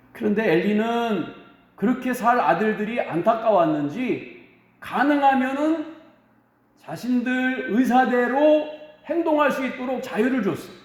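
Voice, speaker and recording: High-voiced pastor preaching in echo. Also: male voice. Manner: earnest storytelling, dramatic pauses. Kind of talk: sermon.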